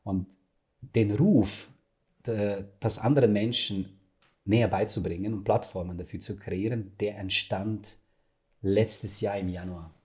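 A man's voice: fairly low pitch, steady tone, measured pace, darkish tone. A man as a guest in a casual talk, speaking reflectively and personally with some hesitation. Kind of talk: casual conversation.

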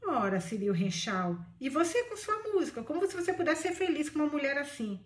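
A woman with a Brazilian accent reading the lines of a lively, cheerful young heroine in a bright, exclamatory way. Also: sits high, brisk, reverberant, distant mic, voice pushed up. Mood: surprised. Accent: Brazilian Portuguese.

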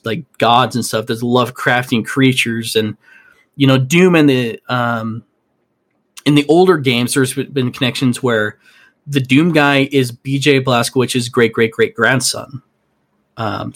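A man's voice: mid-range voice, fairly bright tone. A man co-hosting a gaming podcast, theorizing in a loose, rambling way with lots of fillers. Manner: rambling, many fillers and restarts. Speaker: podcast co-host. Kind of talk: casual chat.

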